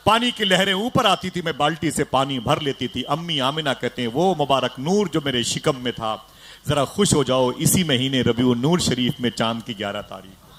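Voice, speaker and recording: A man's voice: mid-range voice, a little hiss or hum. Dramatic man preaching a sermon. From India. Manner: dramatic, swings from hushed to loud exclamations, calls on audience. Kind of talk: emotional sermon storytelling. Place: gathering for a religious celebration.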